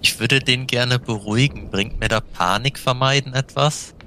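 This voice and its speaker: A man's voice: mid-range voice, moderate pace, sharp tone. A man playing casually in a tabletop role-play, with noise behind him.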